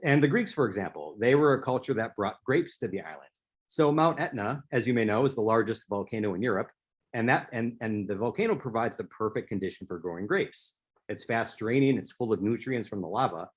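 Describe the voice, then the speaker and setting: A man speaks a little fast in a fairly low, expressive voice with a breathy edge. Taking the role of an author, he tells stories during a prepared speaker-series talk and restarts a few times.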